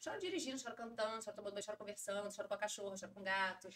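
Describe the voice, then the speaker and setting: A woman with a Brazilian accent chatting expressively as a podcast guest. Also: medium pitch. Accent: Brazilian Portuguese. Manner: expressive, quick, laughs easily. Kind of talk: casual chat.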